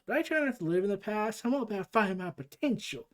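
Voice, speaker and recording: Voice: medium pitch, lively intonation, fast, natural voice. A comic book reader putting on the voice of a manic, cheerful female antihero who teases and rambles. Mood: gleeful. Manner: bubbly, teasing, rambling. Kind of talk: comic book read-aloud.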